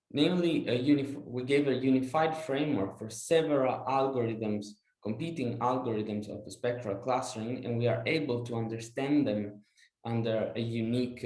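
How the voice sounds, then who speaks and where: A young man with an Italian accent presenting his PhD research over slides, explaining carefully with many "uh" pauses. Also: mid-range voice, darkish tone, roomy sound. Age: young adult.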